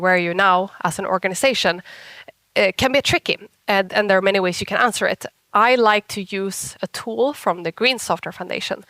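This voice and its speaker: Husky, cold-roughened Swedish woman giving a talk. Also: medium pitch, fairly bright tone, no room sound. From Sweden. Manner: chatty, self-deprecating asides. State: sick with a cold. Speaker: conference speaker, software engineer. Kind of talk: conference talk, informal and conversational.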